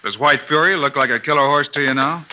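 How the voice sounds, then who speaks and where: A Western hero with cool, old-fashioned bravado and a medium-pitched male voice. He sounds steady and commanding, in classic radio adventure style. The vintage recording is clearly noisy. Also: quick pace. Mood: calm, confident.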